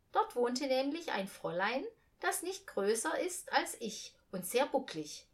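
Expressive female storybook reader with a lively voice. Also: medium pitch. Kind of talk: reading a children's story aloud.

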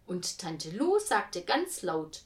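Slow, lively woman storyteller. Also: fairly low pitch. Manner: clear, expressive storytelling. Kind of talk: storybook reading.

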